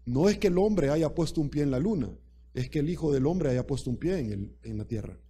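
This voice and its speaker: A man's voice: fairly high pitch, expressive, a little fast, mellow. A man preaching a sermon, speaking emphatically and repeating key phrases while addressing the congregation directly.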